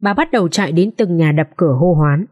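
A woman narrating a dramatic social drama audiobook in an expressive storytelling manner. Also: on the low side, quick pace.

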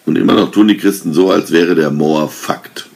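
A man's voice: deep voice, steady tone, moderate pace, vocal fry, darkish tone. A man voicing a bitter, scornful man who mutters to himself in a storybook reading.

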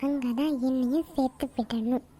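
A woman's voice: high voice, fairly even intonation, normal speed, dark tone, a little hiss or hum, natural voice. A woman voicing an eager, bubbly young woman in a cartoon, who talks in a pleading way. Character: young woman, eager, pining for her cousin. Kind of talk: cartoon voice acting.

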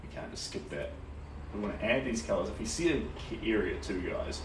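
Roomy-sounding young New Zealand man, low-pitched. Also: lively intonation, brisk. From Tauranga, North Island, New Zealand. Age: young adult. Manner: easygoing, encouraging, reads out viewers' comments. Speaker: painter hosting a livestream. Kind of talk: casual live chat while painting. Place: small indoor art studio. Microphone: camera or phone a few steps away. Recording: roomy, distant mic, faint noise.

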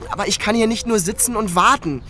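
In a children's audio drama, an actor voices a teenage musician who is worried but determined, speaking in casual youthful slang. His male voice sits high and moves fast, pushed and bright, with a little hiss or hum in the background.

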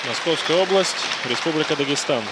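A man's voice: a little high, a little fast, very noisy. A man giving live sports commentary on a fight. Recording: loud music and crowd behind. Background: arena music and crowd.

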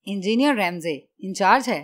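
A ruthless male secret agent, read by a woman in an audiobook, cold and clipped. Each command is given flatly and without warmth, as an interrogator who expects answers. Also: mid-range voice, moderate pace, natural voice.

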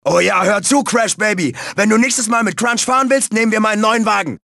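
A man playing a big, brash, hot-tempered bandicoot in a video game, boastful and childish, with raspy, exaggerated cartoon delivery and blunt, bossy, simple talk. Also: high-pitched, fairly quick, bright, forceful tone, no echo, clean studio sound, full character voice. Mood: bossy, excited. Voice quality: gravelly, raspy.

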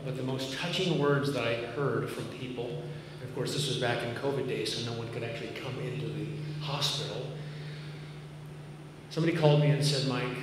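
A man in his fifties, a medium-pitched pastor with a Massachusetts accent, delivers a sermon from the stage of a large church auditorium, earnest and conversational with dry self-deprecating humor. A podium mic picks him up, filmed by a far camera, and the sound is an echoey hall heard from far off, with noise.

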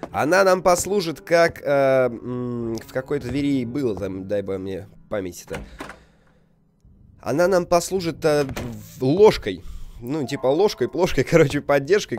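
A man's voice: medium pitch, a little mellow. Young man doing game commentary, music behind. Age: young adult. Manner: rambling, jokey, reacting aloud to the game. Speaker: video game let's player. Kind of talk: casual gameplay commentary with reading aloud of on-screen text.

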